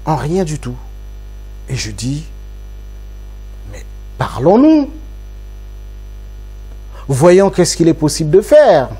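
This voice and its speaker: Speaking slowly and pausing often, this man's husky, dark-toned voice sits on the high side and swings widely in pitch. He is an opposition politician from Congo being interviewed, pressing his arguments with emphatic, rhetorical repetition.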